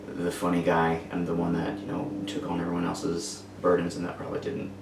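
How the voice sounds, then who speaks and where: Podcast guest, man in his twenties, deep rough voice, slow halting storytelling, room echo. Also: completely flat delivery, background noise. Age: 20s. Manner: halting, searching for words. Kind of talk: personal storytelling. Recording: echoey room, far from mic.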